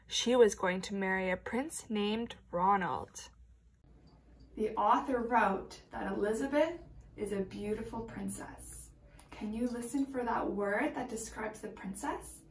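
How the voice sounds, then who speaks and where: In a mid-range, husky voice at a measured pace, a woman teacher reads a picture book to young children over poor audio. She narrates expressively and drops into whispered asides.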